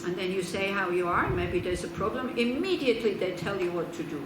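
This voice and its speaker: A woman from Switzerland, a Buddhist nun, speaks fairly quickly in a mid-range voice during an informal teaching talk. She's conversational, laughing in asides and tossing out rhetorical questions. The recording is distant and roomy with background noise.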